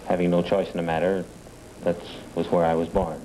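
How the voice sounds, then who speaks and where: Young guy contestant, really low voice, polite and plain, old tv hiss. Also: little pitch movement, a little fast. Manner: polite, matter-of-fact. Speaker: quiz show contestant. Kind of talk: casual chat. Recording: noisy 1960 television broadcast recording.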